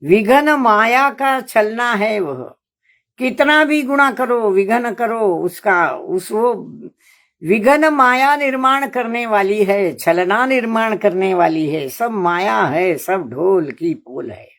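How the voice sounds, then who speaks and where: A woman lecturing on a religious epic poem, explaining slowly and deliberately and repeating phrases for emphasis. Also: medium pitch, animated, a bit bright.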